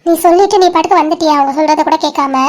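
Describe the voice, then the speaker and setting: A performer voices a caring but bossy young woman in a cartoon, speaking in a high, racing, slightly mellow voice that's lightly acted. In this dramatic dialogue she scolds and nags insistently, with a teasing edge.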